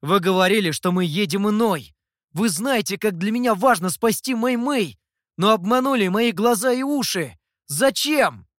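A man reading as an idealistic young scribe with a raised, eager voice that swings between pleading and outrage. The delivery is lively and animated, and the recording is dry and close. It is an audiobook character voice, with the young man easily stirred to anger. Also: sits high, moderate pace, no room sound, voice pushed up. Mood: indignant. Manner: pleading, indignant. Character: earnest young male scribe, idealistic and hot-tempered.

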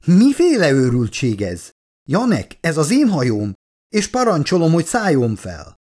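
Man voicing a shrill bossy woman commander. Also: huge pitch swings, darkish tone, exaggerated voice. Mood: commanding. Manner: commanding, shrieking. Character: domineering shrill female commander. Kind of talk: audiobook character voice.

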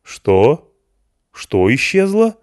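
Baffled one-eyed director, incredulous, read by a man, low voice. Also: very animated, unhurried, dark tone, dry recording, clean studio sound. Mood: astonished. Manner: astonished, incredulous. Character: one-eyed male institute director, bewildered.

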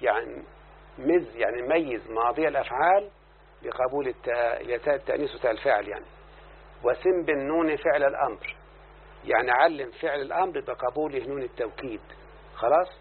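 A man's voice: medium pitch, fast talker. An Egyptian man teaches grammar, explaining verses line by line and checking that his student follows. The sound is tinny and phone-like with a faint hiss behind it. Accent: Egyptian Arabic. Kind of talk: classroom lesson on grammar.

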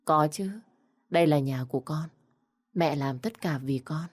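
Weary young widow in a storybook, restrained and low, voiced by the narrator. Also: female voice, unhurried. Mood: tender.

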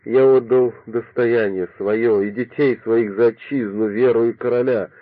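A man's voice: medium pitch, fairly even intonation, unhurried, no echo, lightly acted. A man reading an audiobook voices an older, dignified father holding back his grief in a solemn, restrained way, on a dry, phone-like recording. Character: stoic grieving old nobleman, dignified father. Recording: dry, phone-like narrow sound.

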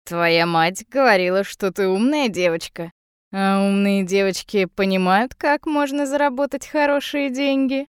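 A woman reading an audiobook, voicing a pushy, creepy middle-aged drunk man who wheedles and yells. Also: mid-range voice, a little slow, smooth, no room sound, clean studio sound, natural voice. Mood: leering. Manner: leering, wheedling, then yelling.

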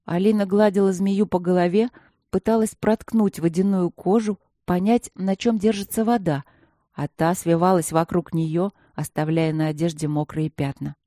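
A woman narrating an audiobook in a lively storytelling manner. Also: lowish voice, normal speed, no echo, studio quality. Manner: lively storytelling with character voices. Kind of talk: scripted narration.

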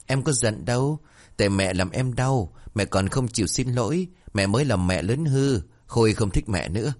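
A man's voice: fairly low pitch, animated, moderate pace, a little mellow, voice pushed up. Man voicing a childlike grown man, pouting, innocent, sing-song. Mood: sulky.

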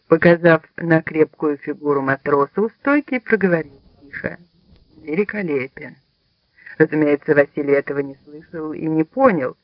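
A high-voiced man reads a story aloud with lively storytelling narration. The recording is dry and close, with a slightly dull, lo-fi tone. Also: dry recording. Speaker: audiobook narrator. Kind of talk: scripted narration.

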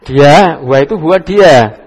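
A man teaching Arabic grammar in a casual classroom lesson, relaxed and joking as he coaxes students by name. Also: on the high side, measured pace, breathy edge. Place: study circle classroom.

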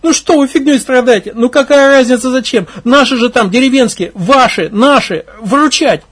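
Man voicing a young girl, pleading, breathless, high-pitched, husky edge. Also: normal speed, a bit bright, heavily acted. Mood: pleading, urgent. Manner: breathless, pleading, near tears.

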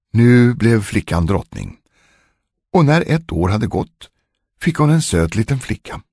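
Brief: male storyteller, gravelly and low, swooping expressive reading. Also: no echo, clean studio sound. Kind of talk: fairy-tale reading.

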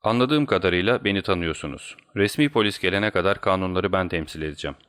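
A man's voice: low voice, fast talker, a bit bright, smooth. A man voicing a cool, commanding male detective who speaks in a cold, clipped way.

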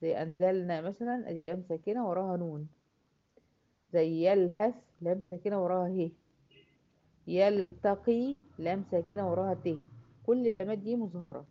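A woman with an Egyptian accent teaching a Quran recitation class, patiently asking and answering her own questions and repeating each example slowly. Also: lowish voice. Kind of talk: classroom lesson. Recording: dull lo-fi recording.

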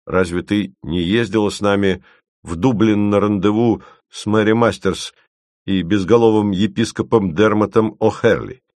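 A man reading an audiobook, voicing a grumbling, thoughtful senior male investigator in a firm, measured way. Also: on the low side, a little mellow, no room sound, studio quality, close to an everyday voice.

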